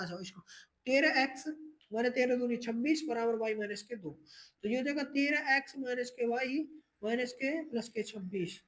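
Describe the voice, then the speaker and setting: A teacher with a high voice explains a math exam problem one step at a time. Each step gets repeated and restated. The class is called children, and the teacher checks in with them often. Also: a bit bright, rough recording. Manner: addresses students as children, keeps checking in with "ठीक है".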